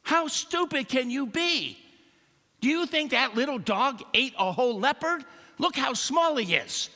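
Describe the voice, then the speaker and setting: A man voices a nosy, no-good monkey from a joke, high-pitched and incredulous. The voice rings through a reverberant church hall. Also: lively intonation, a little slow, sharp tone, full character voice. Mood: scolding. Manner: scolding and incredulous.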